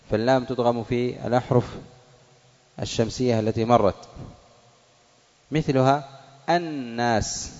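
Male recitation teacher, mid-pitched. Drills his examples slowly and quizzes the class. Dull recording with a long hall echo. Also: a little mellow. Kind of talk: classroom lesson on recitation rules. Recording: dull audio in a reverberant hall.

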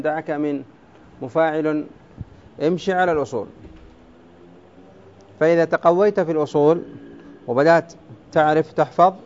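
A man's voice: on the high side, darkish tone. A man teaching a class on Arabic prosody, explaining step by step and quizzing his students with questions. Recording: dull lo-fi classroom recording.

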